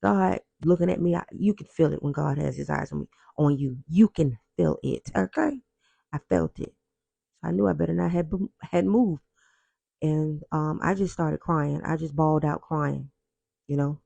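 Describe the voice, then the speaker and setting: Gravelly man telling a personal testimony. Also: a little high, warm tone, no echo, muffled recording. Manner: earnest and reflective, with halting repeats.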